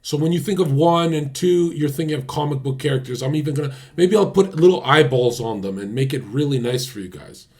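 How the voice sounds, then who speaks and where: A man's voice: fairly high pitch, a little fast, hardly any pauses, darkish tone. A man hosting a casual livestream, talking bluntly to his chat and swearing often. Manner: blunt, swears a lot, talks straight to chat. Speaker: livestream host.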